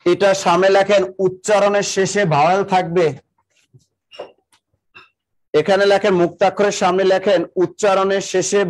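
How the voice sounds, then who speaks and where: High-voiced man dictating class notes. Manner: repeats definitions slowly for students to write down, urging them to hurry; talks to viewers directly, greeting them by name and district. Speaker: exam-prep teacher.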